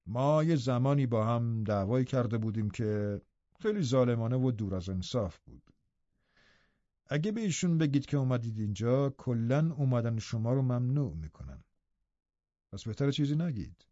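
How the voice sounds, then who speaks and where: A man voicing a bitter, scheming middle-aged man in an audiobook, speaking in a low, muttering, sardonic manner. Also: animated, mellow, no echo, natural voice. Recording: dull, dry audiobook recording.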